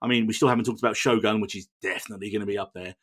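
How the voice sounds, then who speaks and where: A man hosting a casual podcast chat, quick and chatty, swearing freely. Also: lowish voice, steady tone, crowd noise. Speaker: podcast host.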